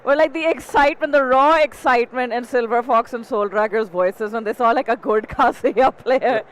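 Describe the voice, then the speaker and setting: A woman co-commentating a live fighting-game tournament in a bubbly, playful way. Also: fairly high pitch. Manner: bubbly, playful, quick to laugh. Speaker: esports co-commentator.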